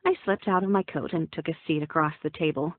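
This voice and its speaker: A woman's voice: low voice, steady tone, a little fast, no echo. A young woman narrating an audiobook in the first person, wry and playful. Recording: dry, phone-like narrow sound.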